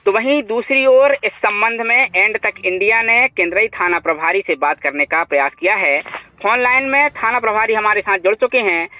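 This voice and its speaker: A woman news anchor reading a scripted report in a formal, measured way, then putting questions to a caller. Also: medium pitch, no echo, narrow, tinny audio. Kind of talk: scripted news narration and phone interview. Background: faint music.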